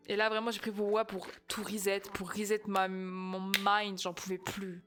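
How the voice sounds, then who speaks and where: A young woman streaming a game, chatting excitably and talking over herself, with game music in the background. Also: mid-range voice, moderate pace. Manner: excitable, chatty, many restarts and gasps. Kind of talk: casual gaming stream chat.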